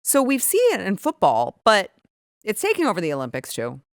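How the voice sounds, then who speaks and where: A woman's voice: mid-range voice, huge pitch swings, a little fast, no echo, studio quality. A woman hosting her own show, giving sarcastic, emphatic and indignant political commentary. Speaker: show host.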